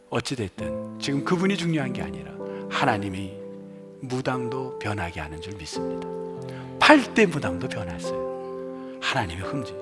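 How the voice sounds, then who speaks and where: A male pastor preaching a sermon in a church, telling a story animatedly and acting out the people's words. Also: medium pitch. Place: church sanctuary.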